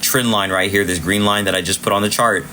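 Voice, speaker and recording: A trading livestream host speaks fairly quickly in a lowish voice with a steady tone, a little hiss or hum in the audio. He gives casual chart commentary, repeats himself, and thanks viewers as he goes while his voice wears out.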